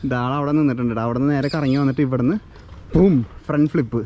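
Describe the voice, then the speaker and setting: A man with a Kerala accent chatting excitedly as a vlogger, mixing English slang into his Malayalam. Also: mid-range voice, fast, a little hiss or hum. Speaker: vlogger, host. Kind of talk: excited casual outdoor vlog chat. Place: outdoor skate park.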